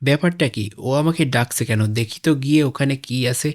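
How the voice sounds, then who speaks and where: A man's voice: medium pitch, fast, close to an everyday voice. A man voicing a brave, defiant father in a cartoon who stands up to a gang. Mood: worried. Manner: forceful, pleading when cornered. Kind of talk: animated game-parody voice acting.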